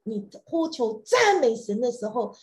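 A woman preaching a sermon, with many fillers and repeated phrases, who drops English words into her talk and breaks into shouted praise. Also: fairly high pitch, very animated, measured pace.

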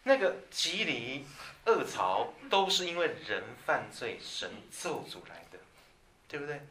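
Bright-voiced male preacher in an echoey room. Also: mid-range voice, measured pace, far from the mic. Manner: animated, swings between soft asides and loud emphatic lines. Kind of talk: sermon.

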